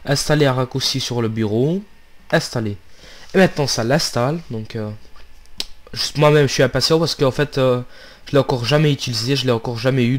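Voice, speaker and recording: A man talks through a software tutorial at his computer in a casual, unscripted way. He hesitates often and restarts his phrases as he walks through each step, recorded on a desktop microphone. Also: mid-range voice. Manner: hesitant, many fillers and restarts, steps through clicks. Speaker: tutorial maker.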